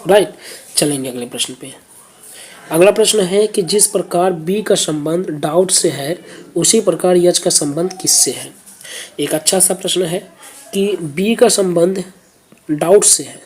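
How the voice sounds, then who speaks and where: A woman's voice: on the low side, a little slow, long pauses, darkish tone, husky. A woman teaching reasoning, patiently explaining exam questions step by step and checking in with her viewers.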